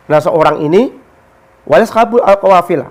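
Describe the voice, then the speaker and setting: A man, casually explaining a religious story and acting out the people in it. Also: moderate pace. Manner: animated, acts out quoted characters with raised pitch. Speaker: religious teacher explaining a kitab.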